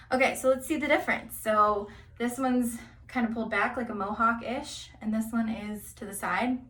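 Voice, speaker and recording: A woman's voice: fairly high pitch, fairly bright tone, recorded from a distance. A young woman rambling casually through a hair tutorial, full of fillers and asides, sometimes dropping to a whisper. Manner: chatty and rambling, many fillers, drops into whispers.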